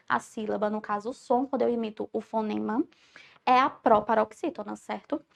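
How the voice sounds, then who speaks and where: A woman teacher from Brazil leads a recorded online lesson with a high, gravelly voice. She explains step by step, often checking in with the class, and slows down to stress syllables when spelling out words.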